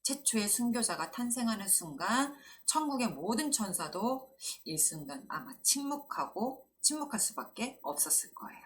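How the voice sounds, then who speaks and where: Woman, children's pastor, gentle storytelling sermon with a very animated pitch. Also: normal speed, hardly any pauses, a little hiss or hum. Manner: gentle storyteller, acts out quoted lines. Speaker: children's Sunday school preacher.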